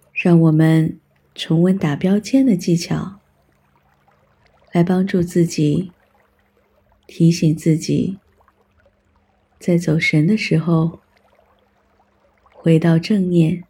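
Husky, very slow, calm meditation guide. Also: mid-range voice. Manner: calm, soothing, instructional delivery with long pauses. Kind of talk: guided mindfulness meditation, scripted narration.

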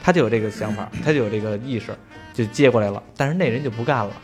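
A man's voice: mid-range voice, rapid-fire, faint music behind. A man telling a story in casual chat, swearing freely and laughing along.

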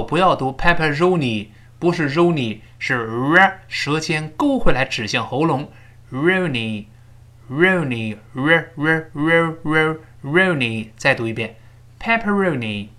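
Man, English teacher, recorded lesson, bright tone, very animated pitch, repeats phrases for students. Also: moderate pace. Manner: explains sounds step by step.

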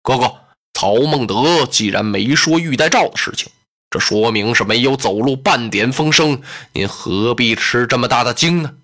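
A storyteller voicing two loyal male generals who speak low, earnest and reproachful in traditional storytelling. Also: lively intonation, normal speed, a bit bright. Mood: worried, reproachful.

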